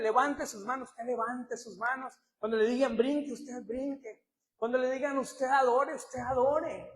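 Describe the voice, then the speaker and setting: A man with a Mexican Spanish accent preaching a sermon as pastor, in an animated style that swings from quiet asides to loud cries. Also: very high-pitched, in a large hall.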